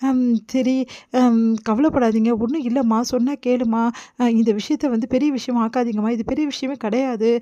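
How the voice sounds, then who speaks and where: A woman doing a gentle old grandfather. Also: fairly high pitch, fairly even intonation, normal speed, no echo, highs cut off, close to an everyday voice. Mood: soothing. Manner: gentle, reassuring. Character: calm elderly grandfather, soothing.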